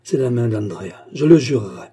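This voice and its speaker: A man voicing a resolute young nobleman, urgent and suspicious, in an audiobook reading with a dark, husky voice. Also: mid-range voice, expressive, normal speed. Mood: troubled. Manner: urgent, emphatic. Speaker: character in a read novel.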